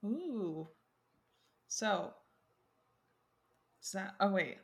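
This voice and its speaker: A woman's voice: medium pitch, a little slow. A woman hosting a podcast in a casual, chatty, informal way. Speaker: podcast host.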